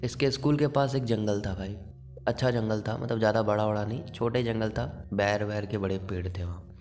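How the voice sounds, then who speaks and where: A man's voice: on the low side, steady tone, brisk, darkish tone, soft background music. A man narrating a horror story in a casual, conversational way, with fillers.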